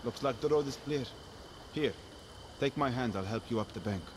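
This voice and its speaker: An actor playing a guarded, practical male travelling protector in a fantasy game, measured and serious. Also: medium pitch, noisy background, natural voice.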